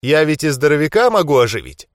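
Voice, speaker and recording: A man's voice: fairly high pitch, sing-song, quick pace, dry recording, clean studio sound. A man voicing a cruel, mocking male mentalist villain in an audiobook, taunting his captive. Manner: taunting, jeering.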